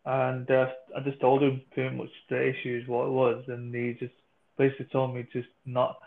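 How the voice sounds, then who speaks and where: A man's voice: medium pitch, completely flat delivery, normal speed, vocal fry. A man in a casual group chat, talking in a rambling, repetitive, sweary way. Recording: thin phone-like online call.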